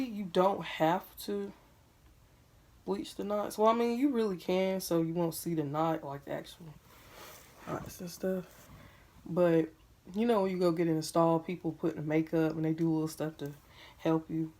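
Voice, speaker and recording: A woman's voice: on the low side, fairly even intonation, moderate pace, darkish tone. A young woman chatting casually to her viewers while unboxing a wig at home, talking around a piece of gum. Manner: chatty, addresses viewers as "y'all", chewing gum. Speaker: beauty vlogger.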